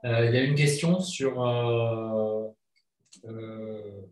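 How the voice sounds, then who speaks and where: A man's voice: mid-range voice, fairly even intonation, drawn-out words, darkish tone. A man hosting a live panel talk show in a casual, conversational way. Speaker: host of a wine talk show. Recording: roomy echo, distant mic.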